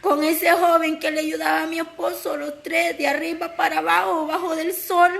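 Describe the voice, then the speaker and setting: A woman's voice: very high-pitched, level tone, moderate pace, creaky, fairly bright tone. A woman pastor's wife giving a fervent, tearful testimony to her church congregation.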